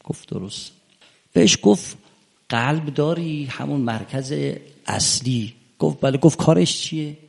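A man preaching a sermon, retelling a debate in quoted dialogue and rising to emphatic, loud peaks. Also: on the high side, vocal fry. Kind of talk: religious sermon storytelling.

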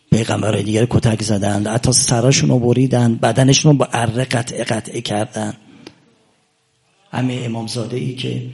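A man preaching a sermon to a congregation, swinging between loud exclamations and hushed asides. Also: medium pitch, creaky. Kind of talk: religious sermon.

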